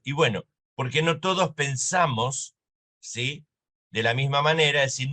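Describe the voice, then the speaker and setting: Argentine guy lecturing, teacherly, keeps asking "¿sí?", medium pitch voice. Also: sharp tone. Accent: Argentine Spanish. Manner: didactic, checks in with "¿sí?" and "¿eh?". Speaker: university lecturer. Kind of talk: recorded lecture.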